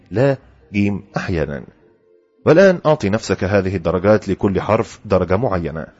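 A man's voice: low-pitched, darkish tone, husky. A man with an Egyptian accent, narrating an audiobook in the first person in a wry, humorous way. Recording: dull lo-fi audio with faint background music.

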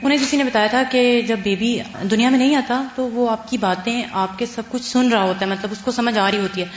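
A woman student telling the class a heartfelt family story. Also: on the high side. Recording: echoey room, muffled, faint hum.

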